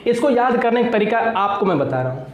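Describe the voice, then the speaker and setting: A man's voice: very high voice, sing-song, a little fast, highs cut off. A man teaching an exam-prep class. He addresses his students as children, asks his own questions and answers them, and repeats key words. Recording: echoey room.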